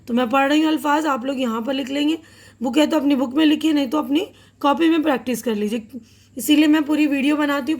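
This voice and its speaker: Woman teacher, high voice, patient, repeats each word and its meaning, drops in English terms. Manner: mixes in English words. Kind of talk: classroom lesson explanation.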